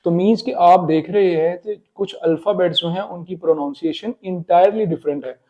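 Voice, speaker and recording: A man explaining Chinese pronunciation in a casual spoken lesson, repeating words slowly. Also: high-pitched, muffled recording, noisy background. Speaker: Chinese language teacher.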